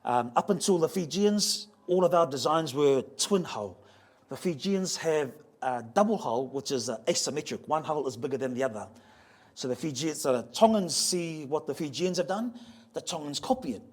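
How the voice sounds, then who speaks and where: In a slightly high, expressive voice, a man gives a lighthearted public talk on ocean voyaging heritage at a museum. He takes words slowly, spelling out how they sound, and gets his listeners to repeat them.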